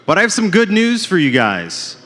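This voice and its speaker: A man's voice: high-pitched, huge pitch swings, normal speed, a bit bright. A man doing a stand-up set on a comedy club stage, with self-deprecating, punchline-driven jokes, often calling the crowd folks. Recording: live club with long reverb.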